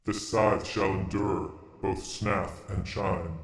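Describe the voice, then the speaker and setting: Deep, echoing Grim Reaper, voiced by a man. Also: steady tone, slow. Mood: ceremonial. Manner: grave, archaic, ceremonial intoning. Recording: roomy echo on the voice.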